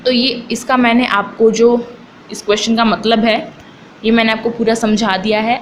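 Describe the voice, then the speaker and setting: A woman teacher gives an exam-prep video lesson. She reads the options slowly and deliberately, then explains them in chatty Hindi. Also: on the high side, a little hiss or hum, low-quality recording.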